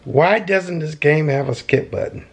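A middle-aged man giving casual gameplay commentary into a headset mic, breaking into excited shouts and yelps. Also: on the high side, a little slow, creaky, breathy edge. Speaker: gaming YouTuber. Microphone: gaming headset.

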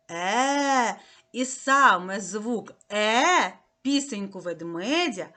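Female preschool teacher, bright and lively, unhurried, coaxing online lesson for little ones. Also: fairly high pitch. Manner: slow, sing-song, coaxing. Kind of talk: online lesson for small children.

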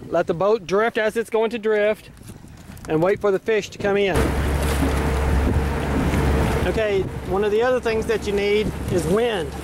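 Guy rambling about drift fishing on a pontoon boat, lotsa uhs, loud wind noise on the mic. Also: high voice, normal speed. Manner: relaxed, explaining while fishing, frequent fillers. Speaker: fishing vlogger. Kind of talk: casual how-to commentary. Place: pontoon boat on a windy lake, outdoors. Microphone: handheld camera mic.

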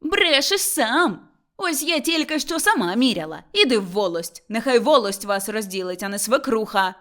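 Woman reader doing a loud scolding village wife, high and shrill, pitch all over the place. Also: very animated, normal speed. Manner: shouting, scolding. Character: quarrelsome young village wife, shrill and combative.

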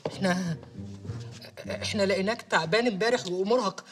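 A man's voice: sits high, fairly quick, background noise, close to an everyday voice. A man playing a flustered Egyptian guest. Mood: pleading. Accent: Egyptian Arabic. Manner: pleading, protesting, flustered. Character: stuffed male guest Ashraf, trying to leave. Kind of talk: comedy sketch acting.

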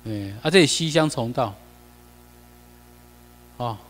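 A Taiwanese-accented man lectures a class over slides and keeps peppering them with questions. His voice sits at a middling pitch. The long reverb of the lecture room trails behind every phrase. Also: expressive, slow. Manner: chatty, mixes in Taiwanese Hokkien, asks the class questions.

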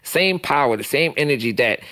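A Haitian man, guest in a small podcast studio, speaks into a boom-mounted studio mic with no room sound. His medium-pitched voice is animated, a bit fast, pushed and bright. The casual interview talk comes out passionate, profane and preachy.

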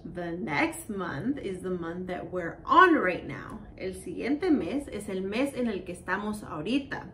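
A woman teaching children in a bilingual lesson, repeating each word slowly in a sing-song way. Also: medium pitch, animated, pushed and bright, reverberant, recorded from a distance, a little hiss or hum. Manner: slow, sing-song repetition of words for children.

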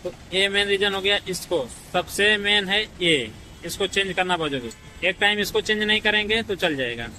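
A young male mechanic with a fairly high, bright, forceful voice talks through engine parts one by one in a casual how-to vlog. He keeps addressing his viewers as "guys" and speaks into a phone held close, outdoors in front of a shop with faint street noise behind him. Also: moderate pace, rough recording. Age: young adult. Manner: explains step by step, often saying "guys" and "jaise ki". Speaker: motorcycle mechanic.

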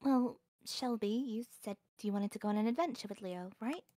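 A woman's voice: a little high, brisk, mellow, no echo, clean studio sound. A woman playing in a game roleplay, speaking in a hesitant, placating way.

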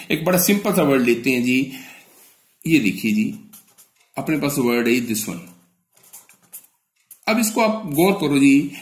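A man from northern India teaching an exam-prep lesson in a slightly high voice. He asks questions and answers them himself, with polite "ji" all through. The room is echoey. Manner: addresses the students with a polite "ji".

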